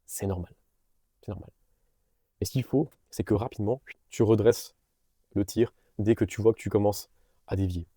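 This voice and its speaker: A man's voice: on the low side, moderate pace, long pauses, mellow, husky, dry recording. A young man in a casual, earnest motivational monologue, speaking straight to the viewer with fillers and restarts. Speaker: vlogger and business coach.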